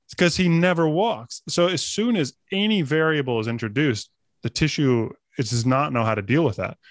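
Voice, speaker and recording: A man's voice: on the high side, moderate pace, no room sound. A man co-hosting a podcast in casual chat, rambling and restarting his sentences as he thinks aloud. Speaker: podcast co-host.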